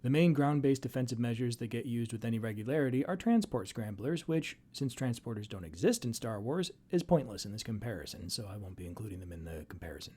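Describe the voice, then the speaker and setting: A man delivers semi-scripted explanatory commentary in a relaxed, mellow voice. His pitch sits in an ordinary middle range. He drops in wry, dismissive asides as he goes, in the manner of a fan host walking through an argument. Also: quick pace, few pauses, breathy edge. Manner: wry, dryly sardonic asides. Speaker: host and narrator of a video series.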